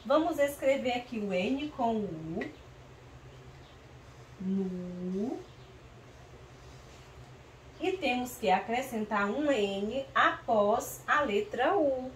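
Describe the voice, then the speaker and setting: A woman teacher from northeastern Brazil leading a slow, patient reading lesson for young children, sounding out syllables clearly and calling on pupils by name. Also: fairly high pitch, animated. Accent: Brazilian Portuguese, northeastern. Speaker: primary school teacher. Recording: roomy, distant mic with faint noise.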